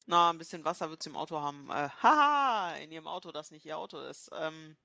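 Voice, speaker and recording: A woman's voice: deep voice, expressive, fast, vocal fry, sharp tone, no echo. A woman playing a tabletop role-playing game, hesitant with many fillers and casual swearing. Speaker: player.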